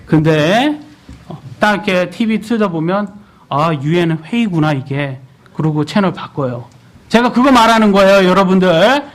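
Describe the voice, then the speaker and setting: A man's voice: sits high, moderate pace. A man in his thirties preaching a sermon in church, asking the congregation questions as he goes. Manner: animated, asks the congregation questions.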